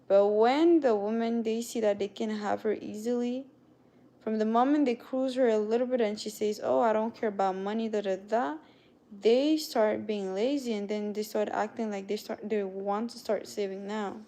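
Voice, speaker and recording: Her mid-range voice is warm and steady, moving at a moderate pace. She's a young woman with a non-native English accent, hosting a relaxed livestream where she chats with viewers and calls them by name.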